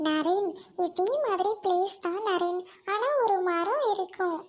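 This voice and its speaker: A woman's voice: extremely high pitch, measured pace, a little hiss or hum. A woman voicing an earnest, outspoken young city woman in a cartoon, talking in a pleading tone.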